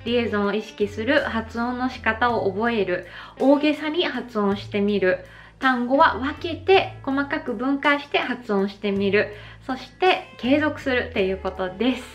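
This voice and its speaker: A Japanese woman in her thirties giving a slow, careful pronunciation lesson, exaggerating her mouth shapes when she demonstrates sounds. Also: fairly high pitch, faint music behind. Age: 30s. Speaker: English pronunciation teacher. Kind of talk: slow explanatory vlog lesson.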